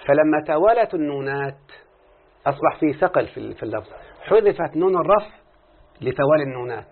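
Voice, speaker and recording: A man with a fairly high, breathy-edged voice and an Egyptian Arabic accent teaches Arabic grammar in a classroom, explaining step by step and often quizzing students. The recording is tinny and lo-fi, like a phone.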